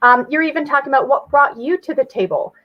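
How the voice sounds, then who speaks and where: Speaking fast with a high, expressive voice, a woman talks as an interview guest. She keeps it conversational and illustrates her explanations with everyday hypothetical examples. Her recording is lo-fi and somewhat dull.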